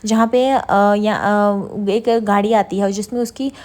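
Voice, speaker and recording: A woman's voice: medium pitch, fairly even intonation, slow pace, darkish tone. A woman narrating a TV serial recap, retelling scenes with quoted dialogue. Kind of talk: casual plot retelling.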